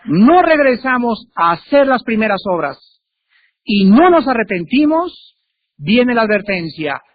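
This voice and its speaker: High-voiced male preacher, emphatic sermon delivery with sharp pitch jumps, on a tinny, lo-fi recording. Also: very animated, measured pace. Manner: emphatic, with sudden swings in pitch and loudness. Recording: tinny phone-like recording with faint hiss.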